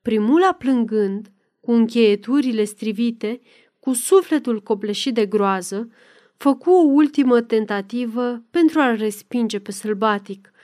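A woman reads a dramatic novel aloud with steady, measured pacing. Her voice is a little higher than most women's. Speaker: narrator. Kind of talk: dramatic audiobook reading.

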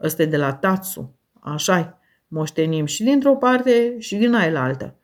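A woman's voice: lowish voice, animated, lightly acted. A woman doing a cackling spiteful old manservant. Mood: gloating. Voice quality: creaky cackling laugh. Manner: gloating, slow.

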